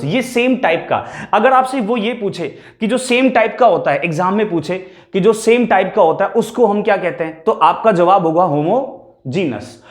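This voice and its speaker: A man teaching an English vocabulary class online. He explains in Hindi mixed with English terms and keeps asking the students questions, then answers them himself. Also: sits high. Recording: echoey room.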